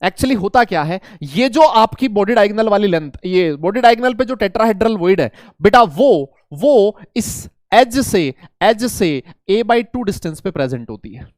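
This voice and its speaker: A man teaching chemistry to a class, animated, repeating key points and coaxing and scolding students. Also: high-pitched, moderate pace, dry recording, clean studio sound. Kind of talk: classroom lecture.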